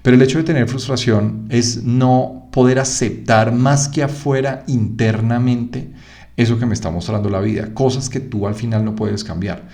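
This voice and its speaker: A man with a Colombian Spanish accent giving an online lecture on acupuncture, teaching in a lively way and checking in often with "¿sí?". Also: mid-range voice, moderate pace. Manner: lively teaching, frequent "¿sí?" checks, acts out students' objections. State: one ear feels blocked.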